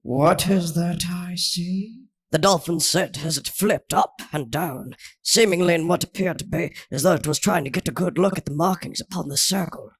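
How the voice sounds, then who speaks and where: A man narrates a fantasy audiobook in the first person with earnest, wordy storytelling. His voice sits a little high and has a husky, breathy grain. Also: a little fast.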